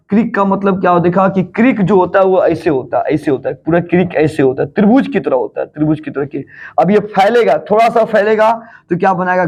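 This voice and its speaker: A man with a Bihar Hindi accent teaching a geography lesson, repeating key terms and quizzing the class, rising on questions and dropping low on the answers. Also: a little mellow.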